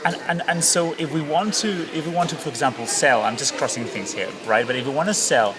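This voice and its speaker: A man's voice: medium pitch, fast, a crowd in the background. A man hosting an interview, asking long, rambling questions with many restarts. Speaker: interviewer, host. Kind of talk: casual conversation.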